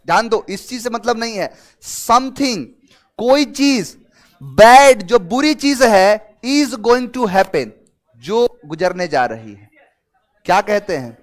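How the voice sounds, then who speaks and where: Speaking slowly in a high voice, a man teaches English vocabulary online for exam preparation, mixing Hindi with English terms. He's chatty and animated, quizzing students and drawing on everyday examples.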